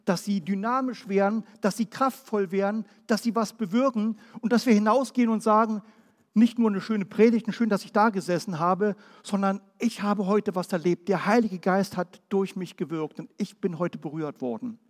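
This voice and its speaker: Delivering a Pentecostal sermon at a moderate pace, a Berlin pastor peppers the congregation with rhetorical questions, then sinks into soft, low tones. The audio has a big-room sound.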